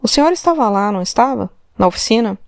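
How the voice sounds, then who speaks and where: A woman's voice: on the high side, expressive, fast, vocal fry, no echo, studio quality. A woman reading an audiobook, voicing a male police commissioner who questions insistently and presses for the truth. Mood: pressing. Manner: insistent, interrogating, demanding. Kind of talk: audiobook character voice.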